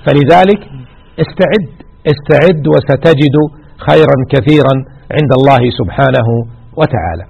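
A man's voice: medium pitch, lively intonation, a little fast, creaky, darkish tone, breathy edge, dull audio. A man teaching a religious lesson, exhorting his listeners and repeating key words for emphasis. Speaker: sheikh teaching hadith.

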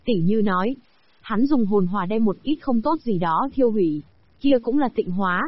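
A text-to-speech woman's voice reading the lines of a calm, decisive young sect leader in an audiobook, in an even machine delivery. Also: mid-range voice, normal speed, slightly rough, no echo. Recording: dry, dull lo-fi audio.

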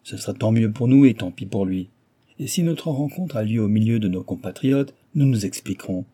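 A man's voice: fairly low pitch, lively intonation, brisk, warm tone, husky, dry recording. A man voicing a self-assured, mocking American billionaire in an audiobook, talking with animation. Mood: animated.

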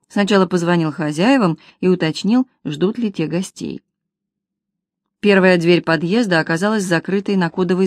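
Lady reading an audiobook, lowish voice, close mic, totally dry sound. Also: darkish tone, dry recording. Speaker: audiobook narrator. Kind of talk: scripted narration of a humorous detective novel.

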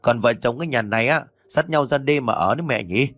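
Shrill cruel daughter-in-law, as a man puts her on. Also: a bit bright, no room sound, faint music behind, lightly acted. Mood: berating. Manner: harsh, scolding, fast. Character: cruel shrieking middle-aged daughter-in-law, woman.

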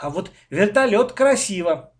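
Man doing a young storybook boy who argues, high voice, drawn-out emphatic words. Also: very animated, full character voice. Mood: arguing. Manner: argumentative. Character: arguing young boy, the narrator's brother.

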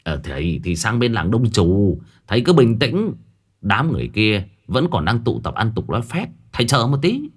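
A man voicing a cheeky young hustler who talks in fast, showy patter. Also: on the low side, sing-song, breathy edge. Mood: boastful. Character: boastful young male hustler, cheeky sidekick.

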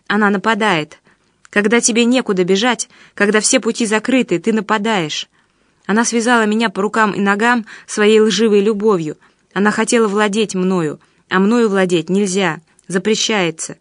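A woman's voice: medium pitch, no echo, clean studio sound, close to an everyday voice. A woman reading the part of a bitter, resentful man who rants heatedly and accusingly in an audiobook. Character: bitter, resentful man ranting about his lover.

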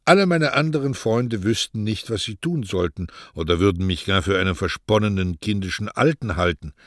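A man reading as an old poet speaking a heartfelt message, warm and intimate, in an audiobook. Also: fairly low pitch, a little fast, no echo, studio quality, close to an everyday voice. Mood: tender. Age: older. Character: old male poet speaking on a tape, tender.

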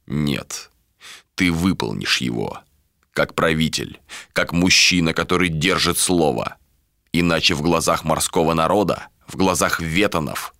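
A man doing a cold, contemptuous ruler for an audiobook, speaking low and slow and weighing every word. His tone is bright and edgy, and it sits in a dry, close recording. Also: no echo, heavily acted. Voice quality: low and measured.

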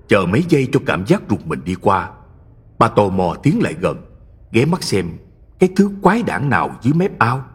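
A husky-voiced man reading a horror story aloud in a dramatic, suspenseful manner. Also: fairly low pitch. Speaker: narrator. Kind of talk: scripted horror story narration.

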